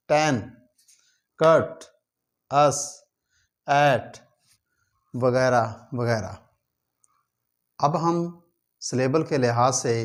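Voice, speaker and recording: A man teaching a grammar lesson, speaking slowly and deliberately and spelling words out letter by letter. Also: mid-range voice. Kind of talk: grammar lesson explaining in Urdu-flavored Hindi.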